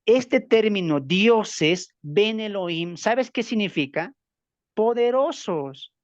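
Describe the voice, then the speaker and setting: A man's voice: high-pitched, lively intonation, slow pace, dry recording, muffled recording. A man from Bolivia with a Bolivian Spanish accent, teaching a Bible study lesson and firing rhetorical questions he answers himself. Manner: emphatic, keeps asking rhetorical questions and answering them.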